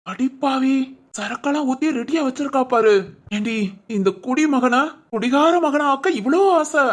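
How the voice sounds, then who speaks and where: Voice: sits high, moderate pace. An actor playing a young husband who mutters wryly to himself in a village family comedy drama. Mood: amused. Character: young husband amused, about to drink for the first time.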